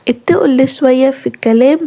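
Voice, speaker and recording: Speaking in Egyptian Arabic at a racing pace, a young woman with a high, mellow voice and some vocal fry delivers a heartfelt to-camera talk. As a vlogger, she earnestly reproaches her viewers, lecturing them straight on.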